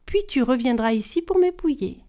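A woman voicing an old grandmother witch in a spoken folktale, giving slow, insistent instructions. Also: high voice, animated, warm tone. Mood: instructing. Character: old grandmother witch who gives advice.

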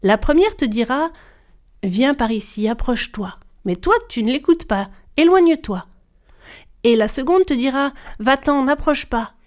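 A woman voicing an old grandmother witch in a spoken folktale, giving slow, insistent instructions. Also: high-pitched, animated. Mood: instructing. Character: old grandmother witch who gives advice.

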